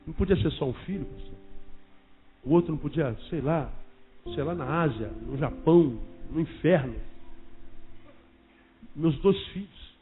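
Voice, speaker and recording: A pastor telling a story in a dramatic sermon, swinging from loud to hushed. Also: male voice, on the high side, a little slow, long pauses. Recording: phone-like sound with faint music.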